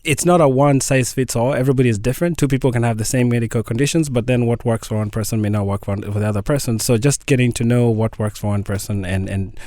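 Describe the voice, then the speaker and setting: A man speaks as a radio guest in a close, dry studio sound. His voice sits at a middle pitch, and he explains things in an earnest, patient way. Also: fast talker, hardly any pauses, a little mellow, no room sound. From Kenya. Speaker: guest, family nurse practitioner. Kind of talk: radio interview.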